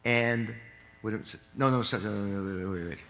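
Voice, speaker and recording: Animated man telling a joke in a hall. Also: lowish voice, a little fast, gravelly. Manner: animated storyteller, frequent restarts. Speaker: conference speaker. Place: large conference hall. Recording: echoey conference hall.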